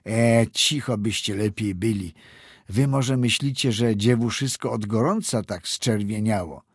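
A man's voice: lowish voice, measured pace, husky, dry recording, studio quality. A man doing a bossy old village healer woman. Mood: defensive. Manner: commanding, matter-of-fact.

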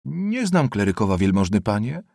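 A man's voice: fairly low pitch, big pitch swings, normal speed, vocal fry, a little mellow, dry recording, studio quality, heavily acted. A man voicing a polite, earnest boy student. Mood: deferential. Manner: polite, deferential answers.

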